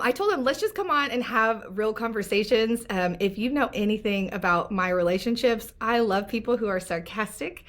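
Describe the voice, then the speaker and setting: Chatty and playful, this faith podcast host jokes with her guest in a relaxed, upbeat conversation. An adult former children's ministry leader, she has a medium-pitched, fairly bright voice.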